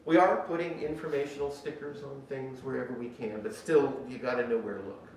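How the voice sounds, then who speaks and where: A man's voice: mid-range voice, fairly even intonation, brisk. Man teaching through a face mask, very echoey. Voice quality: slightly muffled, speaking through a face mask. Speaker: makerspace shop instructor. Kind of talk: informal spoken orientation, explaining rules and equipment. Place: indoor woodworking shop. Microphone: distant microphone. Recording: very echoey workshop, distant mic, faint noise.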